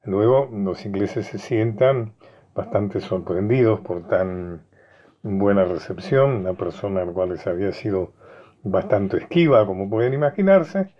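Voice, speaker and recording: A man's voice: fairly low pitch, lively intonation, a little slow. A man telling a history story in a conversational way, often checking in with his listeners. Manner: conversational, asks listeners for agreement. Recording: dull lo-fi recording.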